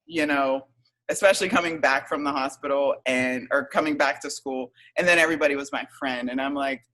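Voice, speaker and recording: A woman in her thirties, a podcast guest telling her own story in a hesitant, reflective way with many pauses and fillers. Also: very deep voice, a bit bright, low-quality recording. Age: 30s. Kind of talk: casual interview storytelling.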